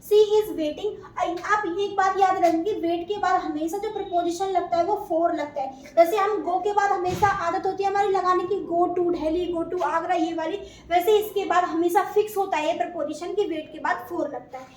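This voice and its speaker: A woman's voice: very high-pitched, moderate pace, few pauses, recorded from a distance. A woman with an Indian accent teaching an English grammar class, asking questions and answering them herself. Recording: echoey room, voice from afar, faint noise.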